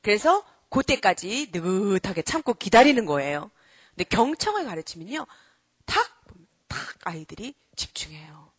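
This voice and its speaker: A middle-aged woman giving a lively lecture to an audience. She quizzes her listeners and acts out children and parents as she goes. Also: medium pitch, normal speed, husky, no echo. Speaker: character-education lecturer.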